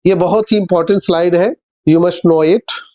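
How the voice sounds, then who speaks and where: A man's voice: high voice, fairly even intonation, a little mellow. A man teaching English grammar in a classroom-style lesson. He explains patiently, asks questions and answers them himself, and addresses his viewers as dear children. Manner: reads English example sentences slowly and deliberately.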